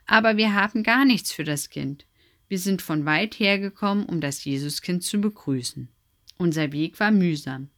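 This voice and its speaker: A woman's voice: on the low side, moderate pace, fairly bright tone. A woman voicing a wise, helpful female owl who guides the other animals, speaking eagerly in a raised voice. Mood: explaining.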